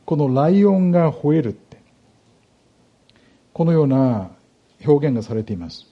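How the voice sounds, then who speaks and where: A man preaching a sermon, explaining a Bible passage in a measured, explanatory way with rhetorical questions to his listeners. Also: on the high side, very animated, dull audio. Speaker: pastor.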